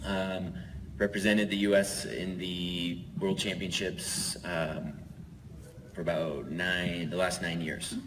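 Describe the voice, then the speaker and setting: A man's voice: deep voice, level tone, slow. A man speaking on an athlete panel, hesitant and full of fillers. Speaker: panelist, pro triathlete. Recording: noisy event room.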